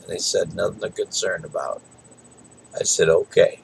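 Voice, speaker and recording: A man's voice: deep voice, fairly even intonation, moderate pace, gravelly, a little hiss or hum, poor audio. A tired middle-aged man talking casually in a rambling, folksy way late at night. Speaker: vlogger.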